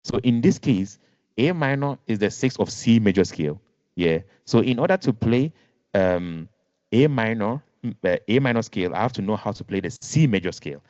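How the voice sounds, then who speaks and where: A man's voice: fairly low pitch, lively intonation, normal speed, darkish tone, dry recording. A man teaching a music lesson online, patient, repeating and rephrasing, counting notes aloud. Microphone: video call. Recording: dull lo-fi video call audio.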